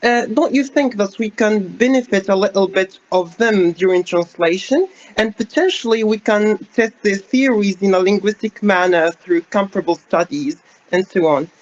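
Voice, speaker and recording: A man's voice: sits high, moderate pace. A young man, a master's student, asking a question in an online lecture over a video call, hesitant and full of fillers. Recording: dull lo-fi video call audio.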